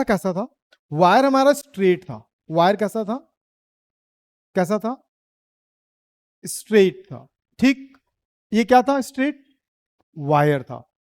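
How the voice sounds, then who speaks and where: A man's voice: high-pitched, a little mellow, no room sound. A man teaching physics in a classroom, quizzing and teasing his students and laughing often. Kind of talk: classroom lecture.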